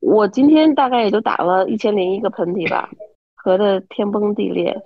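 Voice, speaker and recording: A woman lying in bed at home, hoarse and stuffy from illness, giving a wry, self-mocking account over an online call. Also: medium pitch, expressive, normal speed, no echo, muffled recording. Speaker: podcast team member. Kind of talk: casual chat. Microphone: online call app from home.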